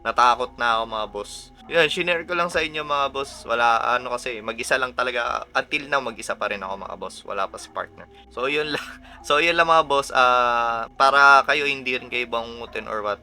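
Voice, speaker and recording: A man's voice: medium pitch, moderate pace, pushed and bright, soft background music. A young man with a Filipino accent, casually recounting a nightmare to his viewers and often calling them "boss". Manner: chatty, often addresses listeners as "mga boss". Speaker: vlogger. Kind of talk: casual storytelling.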